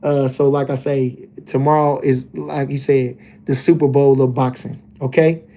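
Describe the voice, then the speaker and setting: A man's voice: medium pitch, little pitch movement, unhurried, mellow. A man hosting a casual boxing livestream, reading chat comments and talking loosely with lots of filler phrases. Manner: laid-back, loose and rambling, lots of "you know what I'm saying".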